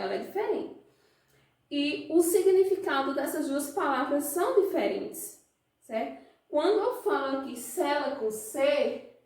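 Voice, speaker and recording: A Brazilian woman teaching a class, explaining slowly and checking in with her students with frequent questions. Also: high voice, a little mellow. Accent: Brazilian Portuguese. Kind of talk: classroom lesson. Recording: very echoey room, voice from a distance.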